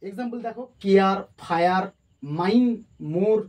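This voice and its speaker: A grammar teacher stands at a board and gives a lesson, dictating definitions slowly, word by word, before explaining them. He patiently repeats key terms, his voice medium in pitch with a darkish tone.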